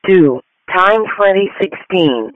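A man's voice: high-pitched, expressive, slow pace, no room sound. A man reading formulaic emergency dispatch call-outs in separated short phrases over a radio paging channel. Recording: dry, narrow radio transmission.

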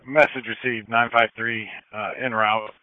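A man's voice: on the low side, flat delivery, normal speed, dry recording, narrow, tinny audio. A man working as an emergency dispatcher over two-way radio, giving clipped, procedural acknowledgements. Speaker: police and fire radio dispatcher. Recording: dry two-way radio audio.

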